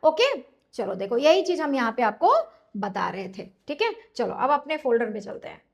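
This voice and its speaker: A woman teacher explains grammar in a high, very lively voice. She asks her class a question, then answers it herself, and keeps checking whether they have followed. Her pitch climbs and dips a lot. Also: moderate pace, vocal fry. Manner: often checks understanding with a repeated question. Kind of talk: grammar lesson in Hindi with English terms.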